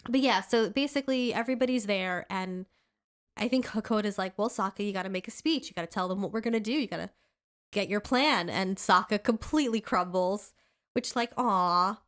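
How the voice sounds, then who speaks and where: This podcast co-host speaks a little fast with a fairly bright, medium-pitched voice, sounding congested. Her casual chat rambles, packed with fillers and restarts.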